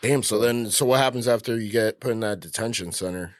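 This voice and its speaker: A man's voice: fairly low pitch, brisk, no echo, clean studio sound. A man co-hosting a podcast, chatting casually and asking short, curious follow-up questions. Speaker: podcast co-host. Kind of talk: casual chat.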